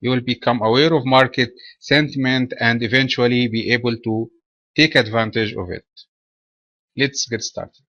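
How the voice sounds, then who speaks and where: A man from Egypt presenting a trading webinar in a measured, explanatory way. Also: medium pitch, fairly even intonation, pushed and bright, no echo, lo-fi sound.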